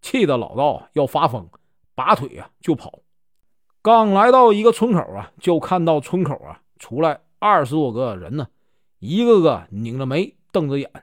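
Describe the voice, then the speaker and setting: Male storyteller, folk tale, lively, somewhat high voice, dry close sound. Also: normal speed, no echo. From Northeast China. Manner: lively, animated.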